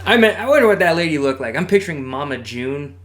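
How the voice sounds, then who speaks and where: A man's voice: on the high side, sing-song, a crowd in the background. A man hosting a show, reading online posts aloud and joking about them, often laughing between lines. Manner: jokey, laughs often, quick asides. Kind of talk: casual read-aloud with commentary.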